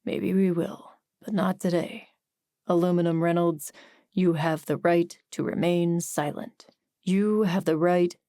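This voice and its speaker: A woman's voice: on the low side, fairly even intonation, a little slow, mellow, no room sound, clean studio sound, natural voice. A woman reading a smug small-town sheriff. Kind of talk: audiobook character voice.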